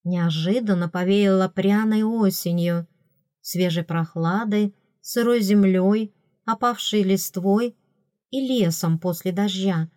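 A woman reading a first-person fantasy audiobook in an expressive manner, voicing characters with raised pitch. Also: slow, no room sound, studio quality. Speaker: audiobook narrator.

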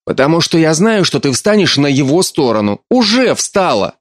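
A man's voice: a little high, very animated, normal speed, a little mellow, no room sound, clean studio sound, voice pushed up. A man voicing a distraught middle-aged mother who is crying and pleading in an audiobook. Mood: sobbing.

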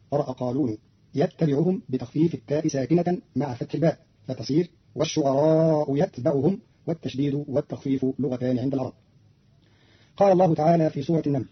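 A husky-voiced man delivers a formal, scripted explanation at a brisk clip. His pitch sits a little high and his manner is measured and precise, like an announcer. The sound is muffled and lo-fi, from an old radio archive. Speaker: radio presenter explaining recitation variants. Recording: dull lo-fi archival radio recording.

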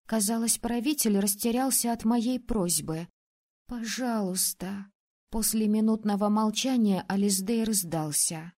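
A woman narrating a first-person audiobook, expressive, acting out the heroine's outbursts. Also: mid-range voice, unhurried, few pauses. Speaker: audiobook reader.

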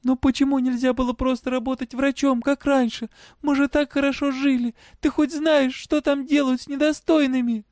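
A man voicing a bold, desperate young girl who searches for her father, with shrill, urgent shouting. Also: little pitch movement, moderate pace, dry recording, studio quality. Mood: distraught pleading.

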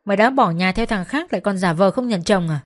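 A woman's voice: mid-range voice, quick pace, natural voice. A woman voicing a crude, violent young man, an ex-husband who swears and threatens as he talks. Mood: sneering.

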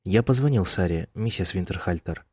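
A man's voice: sits low, expressive, normal speed, a little mellow, husky, no room sound, studio quality. A male narrator voicing a polite, reserved young man visiting a friend in an audiobook. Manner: polite and restrained.

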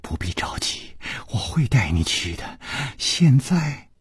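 A man's voice: very animated, a little slow, a little mellow, no echo, studio quality, exaggerated voice. A man voicing a whispering, murderous young woman. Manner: low breathy whisper, mocking laughs.

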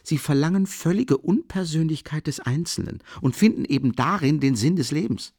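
A man reading an audiobook voices a drunk, rapturous young man who babbles in an excitable, gushing rush. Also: on the high side, moderate pace, no echo, clean studio sound, pitched above the performer's own voice. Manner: excitable, gushing, tumbling speech. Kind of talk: audiobook character voice.

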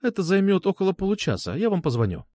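A man's voice: high-pitched, big pitch swings, fast, darkish tone, pitched above the performer's own voice. A man reading an audiobook and voicing a friendly, obliging young female hotel concierge. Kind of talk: audiobook character voice.

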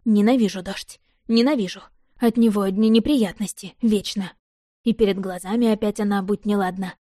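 A woman reading a first-person audiobook in a measured, expressive way. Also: mid-range voice, no room sound, studio quality. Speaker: audiobook narrator.

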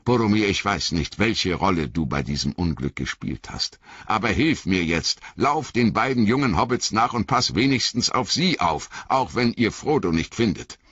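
A man's voice: lowish voice, expressive, normal speed, fairly bright tone, slightly rough, pitched above the performer's own voice. A man voicing a grim, commanding ranger who gives orders urgently. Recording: dry, slightly dull audio.

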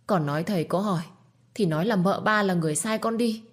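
A woman's voice: mid-range voice, fast talker, pitched above the performer's own voice, close to an everyday voice. A woman voicing a frightened young servant girl who pleads with her mistress. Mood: pleading. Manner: timid and pleading.

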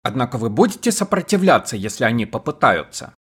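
A man's voice: mid-range voice, big pitch swings, fast talker, slightly rough. A man reading an audiobook voices a persistent interrogator who asks courteous but probing questions. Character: persistent male interrogator, polite but pressing.

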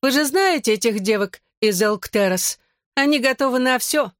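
An audiobook reader voicing a spiteful, mocking teenage schoolgirl in a sneering, shrill voice. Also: very animated, a little fast, a bit bright, no room sound, studio quality.

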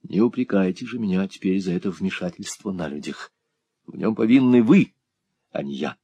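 A man's voice: low voice, lively intonation, moderate pace, breathy edge, no room sound. A man voicing a young, righteous male teacher who speaks firmly and defiantly against cruelty. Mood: outraged. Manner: firm, defiant, rising to angry shouts.

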